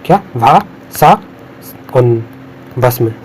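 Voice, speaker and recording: A man's voice: mid-range voice, expressive, extremely slow, a little hiss or hum, rough recording. A man teaching Hindi spelling for exams, repeating each word and warning what will be marked wrong. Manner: repetitive, drills words and warns of exam traps. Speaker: Hindi exam tutor. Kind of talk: spelling lesson over on-screen notes.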